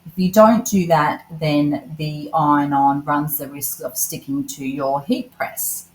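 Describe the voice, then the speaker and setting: Low-pitched middle-aged woman, casual craft voice-over, chatty and self-mocking. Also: fairly even intonation, slow pace, a little hiss or hum, poor audio. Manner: chatty, self-deprecating, calls viewers "lovelies". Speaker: craft vlogger.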